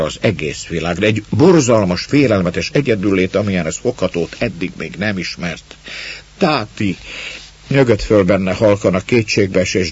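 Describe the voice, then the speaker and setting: Deep husky male audiobook narrator. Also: darkish tone. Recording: dull lo-fi recording.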